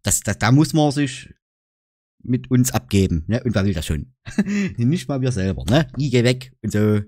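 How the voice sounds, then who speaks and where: Joking Saxon man with lively pitch. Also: normal speed, no echo, studio quality. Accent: Saxon German. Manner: jokey, explains dialect words with lots of "ne?". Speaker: YouTuber. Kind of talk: casual vlog chat.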